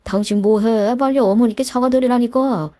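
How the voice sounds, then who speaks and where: A woman's voice: fairly high pitch, normal speed, warm tone, no room sound, clean studio sound, natural voice. A woman voicing an impatient husband who sides with his mother and curtly demands an apology. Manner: curt, demanding.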